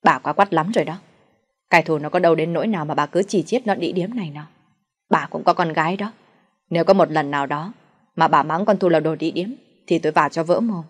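Woman doing an older hot-tempered husband, shouting threats, lowish voice, storybook. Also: fast. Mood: angry.

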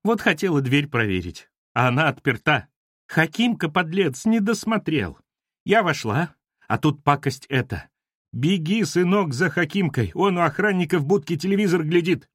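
A man voicing a coarse, bossy older woman who manages a building and screeches and scolds in a tearful high voice. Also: animated, normal speed, fairly bright tone, dry recording, studio quality. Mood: tearful scolding.

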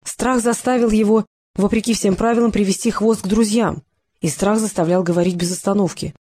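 A woman reading a novel aloud in a steady, even storytelling manner. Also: mid-range voice, brisk. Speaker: audiobook narrator. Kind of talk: scripted narration.

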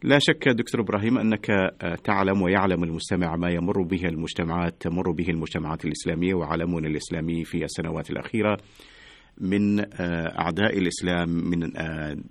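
A man hosting a live radio programme in formal standard Arabic, often pausing on drawn-out hesitations. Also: sits low, steady tone, dry recording. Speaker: radio host. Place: radio studio.

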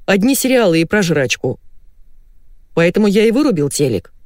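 A woman's voice: on the low side, very animated, moderate pace, a little mellow, no echo, clean studio sound. A woman voicing a beer-loving husband who lies and wheedles his way through a call with his wife. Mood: wheedling. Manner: wheedling, dodging. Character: lying boozy husband, wheedling and evasive.

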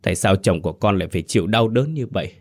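A man's voice: on the low side, lively intonation, fast talker. A man voicing a desperate young widow pleading in a ghost story. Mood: insistent. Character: frantic grieving young wife.

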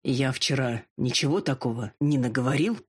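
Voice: medium pitch, breathy edge, close to an everyday voice. A narrator voicing a haughty dragon lord. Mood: uneasy. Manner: drawn-out and pleading when drunk, curt when sober. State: drunk and drowsy. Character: arrogant male dragon lord, a gruff millionaire.

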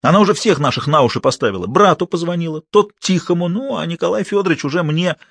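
A man's voice: on the high side, fast talker, vocal fry, no echo, pitched above the performer's own voice, heavily acted. A man doing a blustering, hot-tempered hospital boss. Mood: agitated. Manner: shouting, excitable, bossy. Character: blustering middle-aged male hospital deputy chief, hot-tempered.

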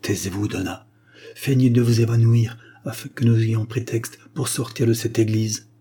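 Brief: man doing urgent young noble, husky, commanding. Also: mid-range voice, flat delivery, normal speed, warm tone, natural voice. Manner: urgent, insistent.

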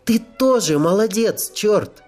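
A man reading an audiobook, voicing a gentle, hopeful young angel girl in a raised voice. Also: high-pitched, animated, slow pace, soft background music, pitched above the performer's own voice, heavily acted. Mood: earnest.

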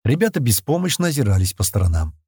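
A man narrating a fantasy audiobook in an expressive storytelling manner. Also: mid-range voice, fast, husky, no echo, clean studio sound.

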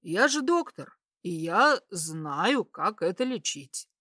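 A woman voicing a smug, teasing bearded man who poses as a doctor, speaking in a slow, lowered drawl in a romance audiobook. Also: sing-song, pushed and bright, no room sound, studio quality, heavily acted.

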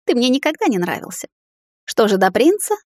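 A woman's voice: on the high side, sing-song, a little fast, a little mellow, no echo, studio quality, pitched above the performer's own voice. A woman voicing a scornful, haughty young female witch in an audiobook, speaking in a mocking, sneering manner. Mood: cold.

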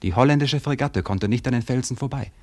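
In a German radio drama, a male actor plays a proud, ardent seafaring trader prince, declaiming in a solemn, poetic manner with a husky voice. His natural, medium-pitched voice is a little mellow and moves at a quick pace, sounding defiant and accusing.

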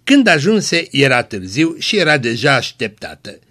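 Bright-voiced man reading a story. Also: medium pitch, very animated. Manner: measured storytelling, voicing the dialogue. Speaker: narrator.

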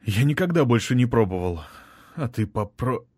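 A man's voice: medium pitch, very animated, moderate pace, darkish tone, husky, no room sound. A man voicing a sardonic male companion who makes dry, clipped remarks.

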